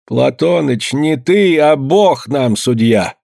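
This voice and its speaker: An actor playing a pious, respected old village elder who speaks reproachfully. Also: male voice, fairly high pitch, expressive, a little slow, creaky, darkish tone, no echo, studio quality. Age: older.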